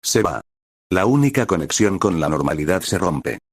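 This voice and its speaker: A man reading the lines of an earnest, devoted teenage boy hero in an even, unchanged voice. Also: low voice, moderate pace, slightly rough, dry recording, studio quality, exaggerated voice. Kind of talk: scripted fanfic reading.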